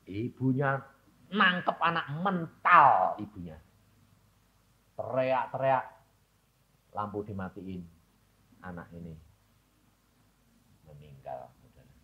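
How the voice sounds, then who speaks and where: An older male evangelist preaching a sermon and telling a story, with big swings from loud shouting to hushed low tones. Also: sing-song, slow pace, long pauses. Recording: dull lo-fi sermon recording.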